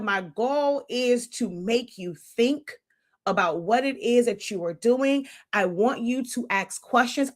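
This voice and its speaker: A woman's voice: a little high, fairly bright tone. A woman mentor teaching live in a blunt, lecturing way, often stopping to search for a word. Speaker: business mentor on a livestream. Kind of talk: unscripted live teaching monologue.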